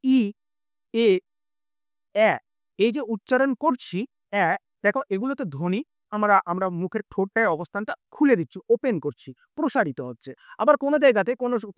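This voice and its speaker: High-voiced man teaching an online class. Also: dry recording, studio quality. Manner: explains step by step, repeats and self-corrects; sounds out vowels for students. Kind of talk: online live class lecture.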